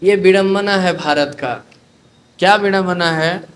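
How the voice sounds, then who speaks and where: A man preaching a sermon, telling a story in an animated way and mixing in English phrases. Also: high-pitched, a little slow.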